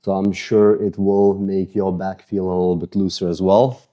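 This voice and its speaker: A man's voice: deep voice, normal speed. A man with an Eastern European accent, a fitness coach casually guiding a follow-along mobility routine, sweaty just after a workout and joking about his own tight muscles. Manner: casual, self-deprecating, relaxed coaching.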